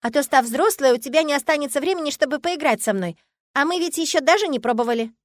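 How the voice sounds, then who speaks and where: A bossy, excitable little girl from a storybook, her voice pitched far above an adult's and pushed loud. She fires strict, demanding questions at whoever stands in front of her. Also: fast talker, dry recording. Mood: earnest.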